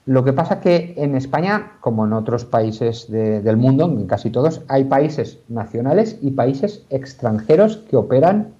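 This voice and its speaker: A man talks his office, explaining a legal question patiently with frequent fillers and restarts. His voice is mellow and dark. The sound comes through a dull, lo-fi video call. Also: medium pitch, lively intonation, a little slow, hardly any pauses. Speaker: lawyer.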